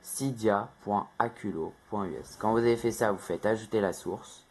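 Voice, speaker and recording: Speaking at a normal speed in a voice on the low side, a man hosts a casual screen-recorded phone tutorial. As the tech tutorial host, he rambles and frequently corrects himself, leaning heavily on fillers.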